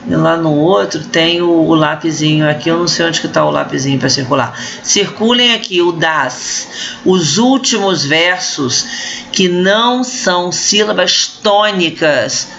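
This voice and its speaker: Bright Brazilian woman teaching a class. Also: sits low, measured pace, gravelly. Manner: explanatory, often checks in with students. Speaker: literature teacher. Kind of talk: recorded online class explanation. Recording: muffled lo-fi recording.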